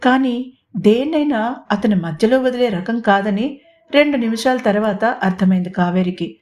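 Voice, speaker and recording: A woman narrating a romantic audio story in an expressive storytelling manner. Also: a little high, normal speed.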